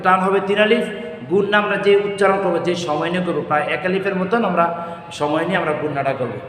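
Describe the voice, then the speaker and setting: A man teaching a child Quran recitation, chanting verses slowly and giving quick, encouraging corrections. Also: sits high, a bit bright. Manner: encouraging, repeats praise phrases. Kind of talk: patient recitation lesson for a child. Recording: roomy echo with long reverb.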